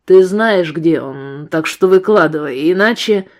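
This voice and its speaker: A woman's voice: fairly low pitch, measured pace, lightly acted. A woman reading the lines of a brutal, threatening male ex-convict gunman in an audiobook, barking coarse threats. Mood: menacing.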